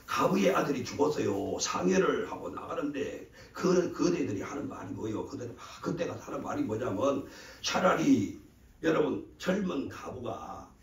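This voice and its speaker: A male pastor preaching a sermon in a lively, conversational way, having the congregation repeat his words in call-and-response. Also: medium pitch. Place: church sanctuary. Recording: echoey church hall, mic at a distance.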